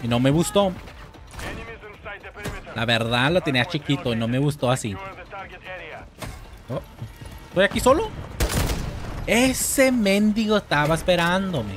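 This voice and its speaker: A young Mexican man giving excitable, jokey gameplay commentary and swearing now and then. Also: a little high, measured pace, long pauses. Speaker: gamer. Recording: gunfire from game audio. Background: loud game gunfire.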